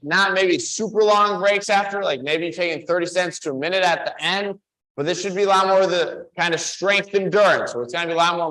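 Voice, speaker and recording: A male fitness coach talks a class through the upcoming sets in a relaxed, instructive way, loosely strung together with fillers. His voice sits high for a man and sounds bright and forward. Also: poor audio. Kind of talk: coaching a live workout class.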